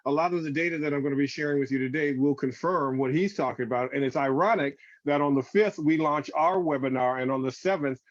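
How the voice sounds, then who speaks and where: A reverend gives a spiritual lecture over a video call, calling his online listeners family, and it's heard through a screen recording. His voice is fairly high and quick with hardly any pauses, and the video call audio is dull and dry.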